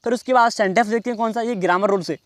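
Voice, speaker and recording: A man teaching in a class, explaining slowly and repeating each phrase. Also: sits high, no room sound. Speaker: English teacher. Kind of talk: classroom lesson.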